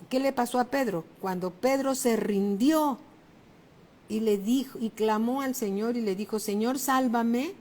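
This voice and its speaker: A middle-aged woman pastor, preaching a sermon in a slow, emphatic way. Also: mid-range voice, darkish tone. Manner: slow, emphatic preaching, raising her voice for exclamations.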